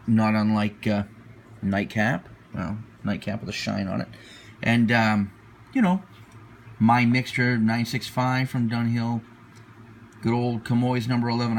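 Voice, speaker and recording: Man giving a casual review over background noise. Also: mid-range voice. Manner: hesitant, searching for words, repeating himself. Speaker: pipe tobacco reviewer. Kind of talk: casual unscripted product review.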